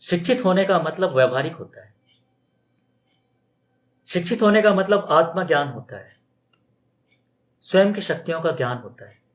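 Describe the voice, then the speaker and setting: A man with a fairly high voice gives a loose, conversational spiritual talk. He keeps posing rhetorical questions and slips into mimicking other people's objections. The recording sounds roomy and echoey. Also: animated, moderate pace, long pauses. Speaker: spiritual teacher. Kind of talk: extempore spoken talk. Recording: roomy echo.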